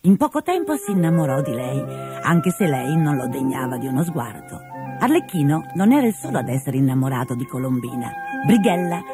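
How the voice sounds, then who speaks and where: A man narrating a fairy tale in an expressive storytelling manner. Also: on the high side, brisk, over music.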